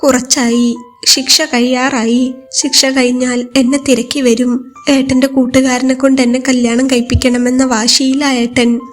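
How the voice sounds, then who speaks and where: A woman's voice: high-pitched, little pitch movement, a little slow, faint music behind. A woman voicing a timid young woman who speaks fearfully, her voice trembling, in a storybook reading.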